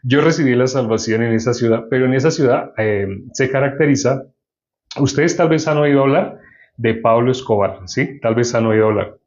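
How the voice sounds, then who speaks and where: A man's voice: medium pitch, moderate pace, darkish tone. A man preaching a sermon and reading from the Bible, explaining and putting questions to his listeners. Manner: explanatory, asks the audience questions. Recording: dull lo-fi recording.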